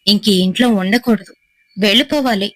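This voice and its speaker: A woman's voice: mid-range voice, a little fast, a bit bright, no echo, close to an everyday voice, low-quality recording. A woman voicing a wronged young wife and mother who speaks in a bitter, heartfelt, resolute way. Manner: bitter, heartfelt first-person telling.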